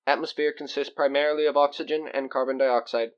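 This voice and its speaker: A man voicing a calm male ship computer that gives terse, even status reports in an audio story. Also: medium pitch, fast, smooth, lo-fi sound, voice pushed up, natural voice. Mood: calm, matter-of-fact. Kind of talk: audio drama reading.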